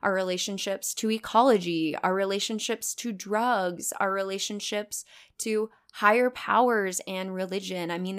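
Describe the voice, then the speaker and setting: A woman's voice: medium pitch, clean tone. A woman hosting a podcast, speaking earnestly and affirming her guest in a casual interview. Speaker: podcast host.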